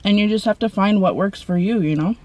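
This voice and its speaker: A woman vlogger from the Portland area chatting casually while eating, with soft mumbled asides over her food. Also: medium pitch, a little fast. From Portland, Oregon area. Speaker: mukbang vlogger. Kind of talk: casual eating-show chat.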